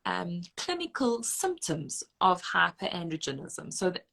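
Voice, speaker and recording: A woman who talks fast and emphatically as an expert guest, restarting her sentences as she goes. Her voice sits a little low. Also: sing-song, gravelly, a bit bright. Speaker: registered dietitian guest. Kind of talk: conversational expert explanation.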